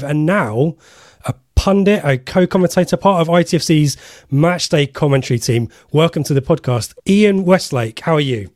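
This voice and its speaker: A man's voice: fairly high pitch, a little mellow, no echo, studio quality. A man hosting a podcast, introducing guests in a conversational way. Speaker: podcast host.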